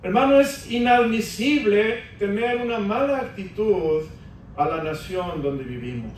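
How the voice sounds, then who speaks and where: In a large church hall, a pastor preaches a Spanish-language sermon, addressing the congregation as brothers and rising into emphatic stretches as he calls on them. His voice is high and animated at a measured pace, picked up from a distance with echo and slight background noise.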